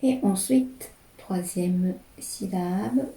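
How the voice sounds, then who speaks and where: Slow, calm woman teaching calligraphy. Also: on the low side, gravelly, reverberant, low-quality recording. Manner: slow, calm, describing each stroke as she writes. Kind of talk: step-by-step brush lesson.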